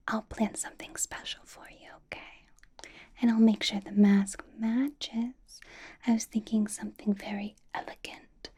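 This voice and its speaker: In an ASMR roleplay, a woman plays a possessive, doting and commanding ancient vampire boss. She speaks in a breathy whisper with coaxing hums, her voice on the high side and mellow.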